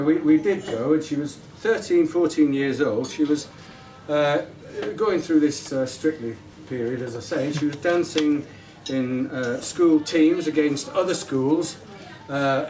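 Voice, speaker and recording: A man's voice: on the high side, darkish tone. Middle-aged man's rambling father of the bride speech. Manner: rambling, hesitant, affectionate. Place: wedding reception room. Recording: echoey room, distant mic, audience noise. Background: guests murmuring and laughing.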